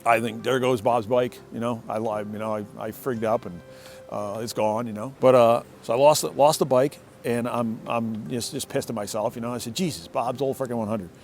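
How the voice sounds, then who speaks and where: A man's voice: mid-range voice, steady tone, normal speed, darkish tone, faint music behind. A middle-aged man telling a casual, rambling story from his shed workshop, often restarting and repeating words. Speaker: motorcycle owner telling a story.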